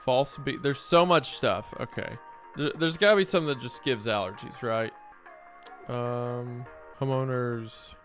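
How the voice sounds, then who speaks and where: A man's voice: medium pitch, unhurried, a bit bright. Casual gamer guy with music behind him. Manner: muttering reactions, reads game text aloud. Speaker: gaming video host. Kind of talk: casual let's-play commentary.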